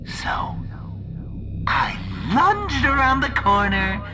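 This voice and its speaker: Slow, sadistic Cartoon Cat monster. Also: female voice, on the high side, wildly swooping pitch, heavily acted. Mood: gleeful, sinister. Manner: slow, theatrical, giggling, drops into whispers. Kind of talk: horror monologue. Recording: music behind the voice.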